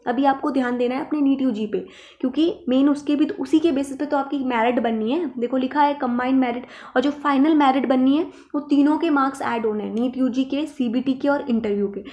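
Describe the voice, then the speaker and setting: A woman's voice: sits high, steady tone, a little fast, darkish tone, lo-fi sound. A woman teaching an online exam-prep lesson, emphatic and reassuring, checking in with her students often. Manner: repeats "ठीक है" and "देखो" to check in with students.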